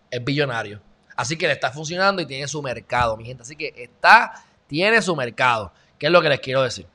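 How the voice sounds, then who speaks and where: Man, online show host, gravelly, bright and forceful, sarcastic casual commentary. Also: on the high side. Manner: animated, sarcastic, talks straight to viewers. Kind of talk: casual commentary reacting to news.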